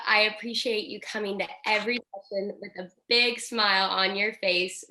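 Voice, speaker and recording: Young woman, crisp bright voice, warm appreciative ceremony tribute. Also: mid-range voice. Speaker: undergraduate speech pathology student.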